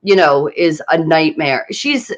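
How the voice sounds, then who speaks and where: Woman, relaxed and joking, casual co-host, slightly lo-fi recording. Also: deep voice, a little slow, a loud crowd. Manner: laid-back, joking and amused. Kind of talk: casual chat.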